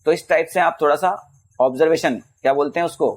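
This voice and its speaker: Speaking a little high, this male physics teacher solves exam questions during a relaxed Hindi class. He addresses students as bhaiya and beta and reads English questions aloud slowly.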